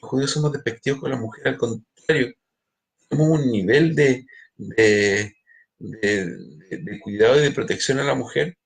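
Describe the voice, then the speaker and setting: A middle-aged man, a rabbi, gives a spiritual lecture in a gravelly voice of ordinary male pitch. He keeps restarting and repeating words as he speaks straight to his listeners. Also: normal speed.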